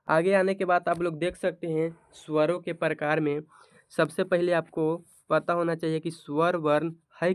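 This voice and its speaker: A man's voice: a little high, a little mellow, clear, resonant tone, no room sound, clean studio sound. A male teacher gives a grammar lesson to board exam students, asking each question aloud and answering it himself.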